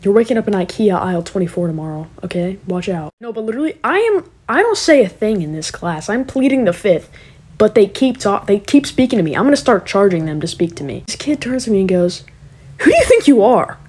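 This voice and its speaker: A woman's voice: medium pitch, sing-song, fast, a little mellow. A teenage girl talking straight to camera in a casual vlog, ranting sarcastically and slipping into mocking voices as she tells stories. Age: teens. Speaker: TikTok creator.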